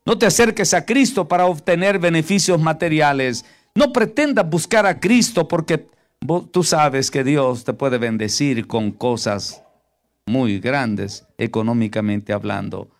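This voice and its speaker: A male preacher with a voice pitched a little high delivers a sermon to his congregation. He pushes questions at them for answers and moves between loud, emphatic lines and soft, hushed ones. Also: expressive, a little slow.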